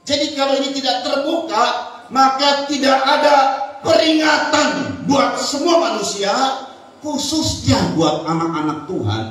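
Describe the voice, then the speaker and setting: A male pastor with an Indonesian accent preaching a Pentecostal sermon in a church hall, moving from soft, intimate talk to shouted exhortation. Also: sits high. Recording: echoey church hall, mic at a distance.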